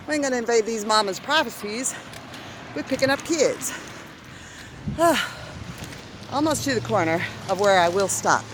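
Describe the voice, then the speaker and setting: Over a noisy background, a fairly high-voiced middle-aged woman from Arizona records a casual vlog on her handheld phone camera during a neighborhood walk. Out of breath, she keeps chatting and encouraging herself, breathing audibly between phrases.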